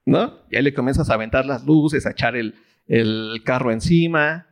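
A man's voice: medium pitch, moderate pace. A man with a Mexican accent leading a Bible study, asking questions and letting listeners fill in the answers. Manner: asks questions and lets the audience fill in. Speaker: pastor teaching a Bible study. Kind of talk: sermon.

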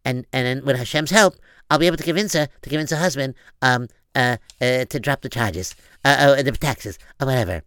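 A man's voice: medium pitch, a bit bright, clean tone, dry recording, studio quality, voice pushed down, natural voice. A man voicing a young woman who hesitates and stumbles over her words. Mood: earnest. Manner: halting, many fillers.

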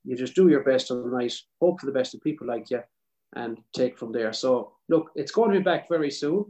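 A man's voice: medium pitch, animated, a little fast, warm tone, poor audio. A man with a South Mayo accent from the west of Ireland, chatting casually and easily as an interview guest on a video call. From County Mayo, Ireland. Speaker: podcast guest, country singer.

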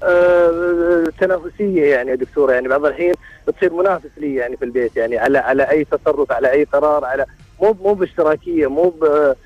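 A man's voice: on the high side, fast, dry recording, phone-quality sound, soft background music. A man calling in for marriage advice. He rambles and keeps restarting as he searches for words. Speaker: caller seeking marriage advice. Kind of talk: call-in radio conversation.

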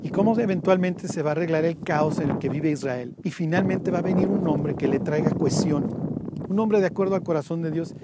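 A man with a Mexican accent teaching Bible stories outdoors at a historic site, telling them lively and acting out the voices. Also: on the high side, a little fast. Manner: lively storytelling, acts out biblical voices. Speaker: tour guide preacher. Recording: loud outdoor noise.

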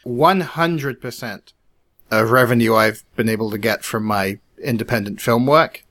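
A man who is an independent filmmaker, co-hosting a casual podcast chat in a measured, reflective way, his sentences trailing off quietly. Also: medium pitch.

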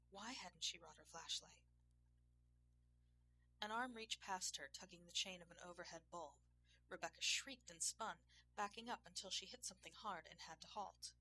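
A woman narrates a scripted story in a soft, hushed voice that sometimes slips into a whisper. Her voice sits low and gravelly. It carries a bright, crisp edge. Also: a little hiss or hum.

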